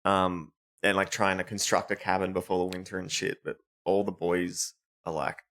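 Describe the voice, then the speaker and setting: A young man with a fairly low voice tells a long story on a casual podcast. He swears freely and laughs as he goes. The talk is loose and chatty. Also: flat delivery, normal speed, fairly bright tone. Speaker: podcast co-host.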